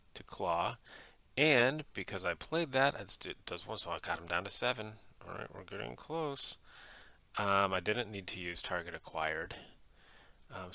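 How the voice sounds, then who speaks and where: Casual host, male: deep gravelly voice, bright tone, murmured card-game play-by-play from a home basement. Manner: thinks aloud with frequent ums, quiet at times.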